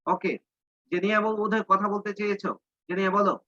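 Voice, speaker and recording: A male English teacher giving a class lesson, reading English lines slowly and explaining them in Bengali. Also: high voice, fairly even intonation, sharp tone, dry recording, muffled recording.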